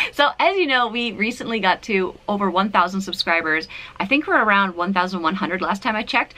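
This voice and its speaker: In her apartment, a Canadian woman in her thirties chats casually to the camera for her vlog, giggly and self-deprecating. Her medium-pitched voice is expressive, pushed and bright, moving at a moderate pace.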